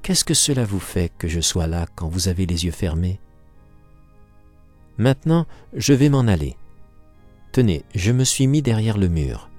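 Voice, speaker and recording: A man voicing a deaf, hunchbacked man in a storybook reading, speaking softly, pleading and full of self-pity. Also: low voice, sing-song, unhurried, pauses often, soft background music, exaggerated voice. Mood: gently pleading. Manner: soft, pleading and self-pitying.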